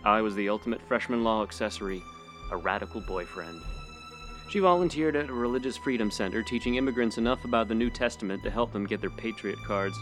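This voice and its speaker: A man narrating a short story in a steady, measured first-person reading. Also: lowish voice, soft background music. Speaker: audiobook narrator.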